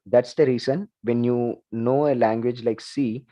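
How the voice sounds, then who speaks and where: A man's voice: mid-range voice, fairly even intonation, unhurried, warm tone, low-quality recording. A man teaching an online class, chatty, asking the students questions and saying "like" and "okay" often. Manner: conversational, repeats "like" and "okay", asks the class questions. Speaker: lecturer. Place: video call.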